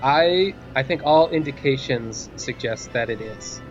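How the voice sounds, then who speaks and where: A man's voice: mid-range voice, unhurried, soft background music. A man co-hosting a theme park fan show in casual chat, on a noisy, lo-fi live stream recording.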